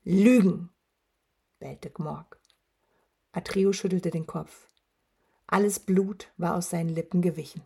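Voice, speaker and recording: A woman reading a fantasy novel aloud in a slow, measured storytelling manner. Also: lowish voice, creaky, mellow, breathy edge. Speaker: audiobook narrator. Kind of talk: scripted fantasy narration.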